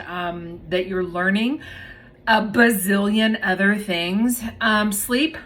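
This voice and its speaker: A woman's voice: mid-range voice, a bit bright. Chatty woman therapist, casual explainer to camera, mid-range voice, faint hiss behind. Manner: chatty, explains plainly, addresses viewers as "you guys". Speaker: myofunctional therapist. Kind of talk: casual educational talk to viewers.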